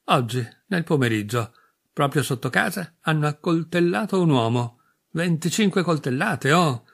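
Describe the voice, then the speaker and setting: A man reading an audiobook and voicing a chatty, prying woman neighbor in a raised, lively voice. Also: a little high, normal speed, creaky, slightly rough, heavily acted. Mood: gossipy.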